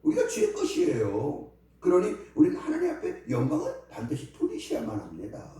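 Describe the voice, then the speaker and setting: A man's voice: on the high side, a little mellow. A male pastor preaching a sermon with emphatic delivery, acting out imagined voices of others, and closing in prayer. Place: church sanctuary. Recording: very echoey church hall, mic at a distance.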